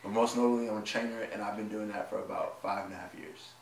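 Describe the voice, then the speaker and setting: A man in his late twenties chats casually on a vlog, joking around and laughing often as he tells stories. His voice sits a little low. It was recorded from a distance in an echoey room with a faint hiss behind it. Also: steady tone, quick pace, vocal fry. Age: 20s. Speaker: vlog co-host. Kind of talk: casual chat.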